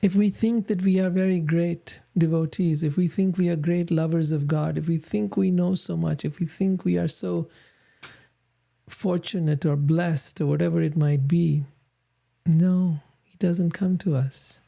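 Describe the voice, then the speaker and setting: A spiritual teacher reads scripture and then reflects on it in an earnest, unhurried manner. The voice is very dark and mellow, with a steady gravelly fry. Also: mid-range voice. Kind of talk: scripture reading and devotional talk.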